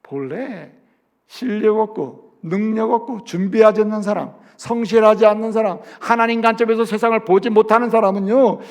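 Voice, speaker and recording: A man preaching a sermon as a pastor, asking the congregation questions and swinging between loud emphasis and soft, low asides. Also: steady tone, brisk, hardly any pauses.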